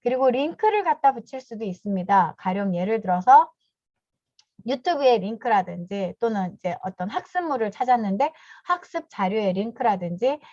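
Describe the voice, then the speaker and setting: A woman in her fifties with a fairly high voice walks teachers through a lesson step by step, politely opening her phrases with a short "yes". The sound is dull, dry video call audio with no room echo. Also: expressive, normal speed, darkish tone. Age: 50s. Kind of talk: online training talk with screen demo. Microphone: video call mic.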